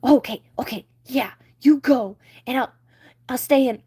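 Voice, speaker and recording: A woman voicing Flounder, a timid little male fish who talks in a squeaky, jittery, loud way. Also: a little slow, husky, dry recording, clean studio sound, exaggerated voice. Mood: panicky.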